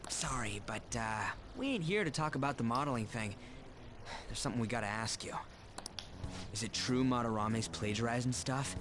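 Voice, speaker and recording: A man's voice: medium pitch, normal speed, background noise, close to an everyday voice. A man playing a brash teenage boy in a video game, with a blunt, slangy way of talking. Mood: blunt, casual. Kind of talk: English video game voice acting. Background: game music.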